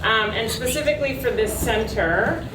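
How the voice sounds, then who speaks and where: A woman's voice: a little high, normal speed, noisy background. A woman hosting a community event, speaking informally to the people gathered. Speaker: community program host. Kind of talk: informal public presentation. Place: echoey indoor room. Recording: echoey room, distant mic, music.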